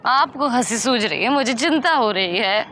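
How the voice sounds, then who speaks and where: A woman's voice: a little high, lively intonation, normal speed, pushed and bright, a little hiss or hum. An actress playing an exasperated wife and mother, scolding sarcastically in broad television comedy style. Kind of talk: broad television sitcom acting. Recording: music playing behind the voice.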